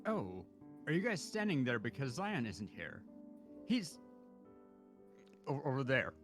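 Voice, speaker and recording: Man reading a gentle easygoing young guy. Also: medium pitch, big pitch swings, measured pace, soft background music. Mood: calm. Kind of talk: reading a visual novel aloud.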